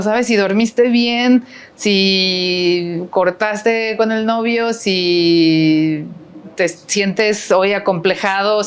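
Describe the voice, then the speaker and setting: In a laid-back interview, a middle-aged podcast guest with a Mexican Spanish accent rambles on, leaning on fillers and tag questions. Her voice is smooth and medium-pitched.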